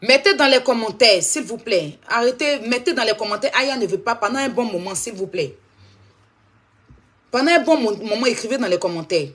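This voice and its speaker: A woman's voice: a little high, animated, moderate pace, breathy edge. A woman hosting a live stream, talking straight to her viewers and repeating her points insistently.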